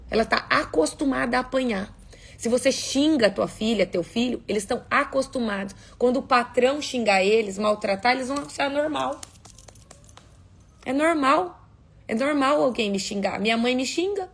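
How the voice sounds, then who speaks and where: A woman's voice: a little high, vocal fry, breathy edge. A woman preaching on a prayer livestream, emphatic and asking her viewers rhetorical questions.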